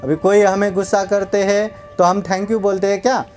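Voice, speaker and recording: A man's voice: high-pitched, little pitch movement, moderate pace, a little mellow. A man, a Buddhist monk, telling a story in a sermon. He repeats phrases and checks in with his listeners.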